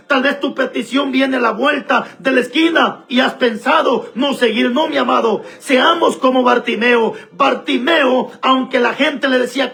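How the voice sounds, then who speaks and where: A man's voice: very high-pitched, creaky, fairly bright tone. A man preaching a sermon as pastor, emphatic and repetitive, speaking straight to his listeners.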